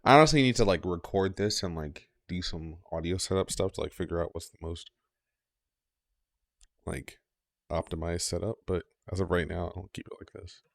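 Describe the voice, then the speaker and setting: Streamer, male, low gravelly voice, rambling and profane, at a home setup with the mic just under his mouth. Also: normal speed, dry recording, clean studio sound. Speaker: game streamer. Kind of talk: casual live-stream chat. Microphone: mic just below the mouth.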